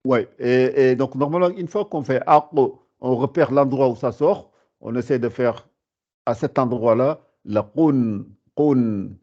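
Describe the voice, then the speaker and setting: A man's voice: mid-range voice, normal speed, a little mellow. A man teaching a beginners' Arabic class, patiently repeating sounds and words, with frequent fillers and restarts. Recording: dull lo-fi sound.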